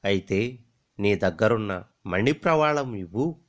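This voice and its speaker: A man's voice: on the low side, expressive, a little slow. A man doing a wounded, desperate young lover. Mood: insistent. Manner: pleading, insistent.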